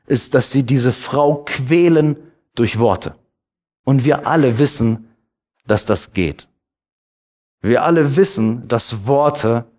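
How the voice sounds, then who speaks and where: A man preaching a sermon, reading scripture passages with rising emphasis and dropping to a soft, low voice to comfort. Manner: animated, rises high when quoting scripture.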